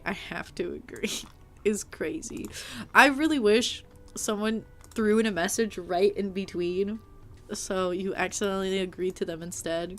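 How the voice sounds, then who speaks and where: A woman's voice: medium pitch, a little hiss or hum. A woman live-streaming a game, chatting casually and playfully, teasing her viewers and poking fun at herself. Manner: animated, with frequent filler "like" and mild swearing.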